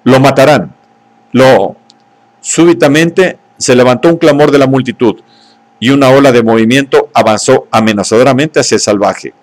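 A man narrating an audiobook in a steady, measured way. His voice sits at an ordinary middle pitch. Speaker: audiobook reader.

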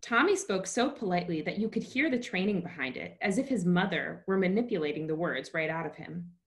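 A woman's voice: fairly low pitch, expressive, fairly quick. A woman novelist reading from her book, then talking casually about writing with many fillers, over a video call. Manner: plain, with many fillers in talk.

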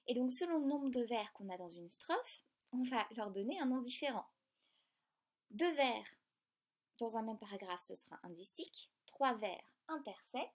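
A woman teaching a lesson in a clear, patient, step-by-step way. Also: fairly high pitch. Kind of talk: explanatory lesson.

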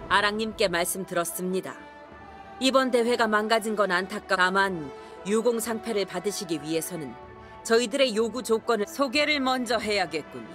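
A woman's voice: mid-range voice, a bit bright, lightly acted. A woman playing a composed guild leader in a game, speaking politely and formally. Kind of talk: Korean game character acting.

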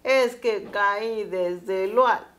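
A woman voicing a lazy, stubborn young village man who drawls his words slowly. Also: mid-range voice, fairly bright tone. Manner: slow, drawn-out pleading.

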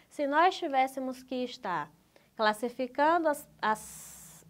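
A woman with a Brazilian Portuguese accent teaching a patient, drawn-out lesson for young schoolchildren. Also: a little high. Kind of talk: slow, clear school lesson for young children.

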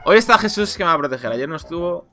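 Dramatic Spanish man pleading loudly. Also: a little high, expressive, racing, soft background music. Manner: dramatic, pleading and shouting at teammates. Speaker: streamer playing a social deduction game. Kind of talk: excited gaming banter.

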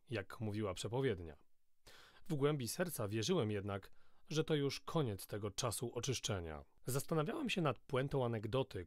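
A man reading a novel aloud in the first person, in a steady, measured storytelling voice, close to the mic. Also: on the low side, dry recording. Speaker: audiobook narrator.

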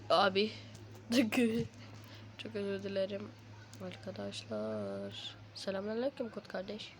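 A woman giving casual, slangy gameplay commentary while lying down, breaking into excited shouts. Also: a little high, slight background noise. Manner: talks lying down. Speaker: gaming video host.

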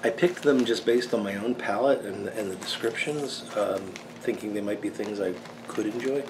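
An American man in his fifties giving a casual, rambling video review in a halting, unhurried way, recorded in a small workshop. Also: lowish voice. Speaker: pipe tobacco reviewer. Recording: clearly noisy room background.

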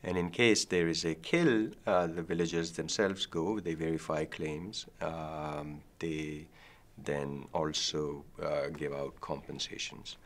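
Deep, gravelly-voiced man from Pakistan. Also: fairly even intonation, fairly bright tone. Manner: thoughtful, many ums and pauses. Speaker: guest, professor. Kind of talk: academic interview. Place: dark studio set, seated.

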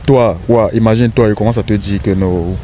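A man's voice: on the low side, steady tone, a little fast, crowd noise. A young man, talking in slangy, emphatic street style on a park bench. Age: young adult. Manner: slangy, emphatic, keeps saying "bro". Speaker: interviewee, content creator. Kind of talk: casual outdoor interview. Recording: faint outdoor street noise.

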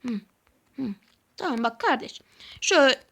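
A woman giving excitable, easily frustrated let's-play commentary as a gaming channel host, talking to herself while she plays. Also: sits high, normal speed.

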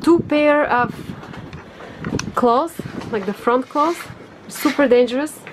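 A woman vlogger with a Bulgarian first language, excitedly explaining things to camera on a sailing boat. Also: high voice, takes it slowly, noisy background. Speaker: vlogger, sailor.

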